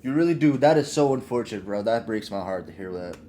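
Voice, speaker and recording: A man's voice: lowish voice, animated, quick pace, mellow, a little hiss or hum. A man hosting a casual reaction video, talking bluntly with slang and swearing.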